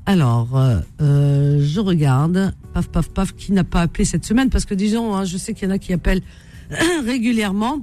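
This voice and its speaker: A woman hosting a live call-in radio classifieds show, talking quickly in a chatty, teasing way and repeating callers' details. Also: fairly low pitch, lively intonation, mellow, faint music behind.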